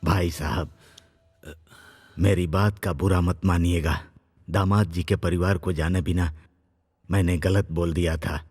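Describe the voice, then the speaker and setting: A man's voice: low-pitched, fairly even intonation, measured pace, long pauses, a little mellow, slightly rough, no room sound, studio quality, in a large hall, faint music behind. A man dubbing a humble older man who apologizes formally, in a film. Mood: apologetic.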